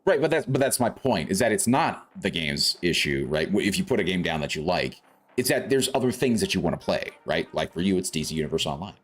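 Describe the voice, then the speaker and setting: Streaming gameplay, a man from South Africa offers casual commentary in a deep, sing-song voice at a brisk clip. He's chatty and rambling, thinking out loud as he plays over faint game music.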